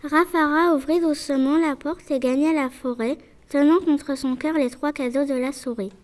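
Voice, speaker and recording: Young woman storyteller, high bright voice, reading a folk tale aloud. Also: steady tone, normal speed.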